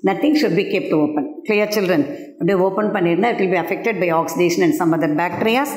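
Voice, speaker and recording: A woman's voice: on the low side, very fast, a little mellow. An older woman with a South Indian Tamil accent teaching a school science class, asking questions and answering them herself as she explains. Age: older, around 60s. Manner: asks and answers own questions, checks understanding. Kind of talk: classroom lesson at a blackboard. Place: indoor classroom at a blackboard. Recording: echoey classroom.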